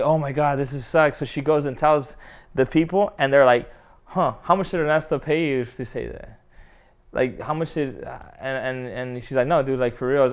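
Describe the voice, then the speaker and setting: Male guest, late 20s, mid-range and clear, casual slangy storyteller who swears. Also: medium pitch. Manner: slangy, swears freely, many restarts.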